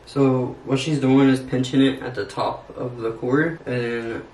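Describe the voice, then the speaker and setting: A man's voice: mid-range voice, steady tone, a little slow, a little mellow, low-quality recording. A young man talking casually to camera for a vlog, sore and in pain after surgery. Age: young adult. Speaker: vlogger recovering from surgery. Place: small bathroom and bedroom indoors. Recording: clear background noise, home room.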